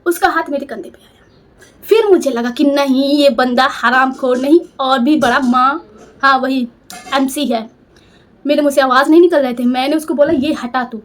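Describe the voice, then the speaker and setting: Young woman storyteller with a high voice, emotional and self-reproaching. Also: moderate pace. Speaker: storyteller vlogger. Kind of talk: personal storytelling.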